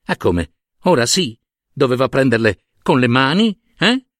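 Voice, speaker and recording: A man's voice: medium pitch, sing-song, a little slow, no echo. A man voicing a timid, inexperienced young cleric who speaks hesitantly and earnestly. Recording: dry close studio sound.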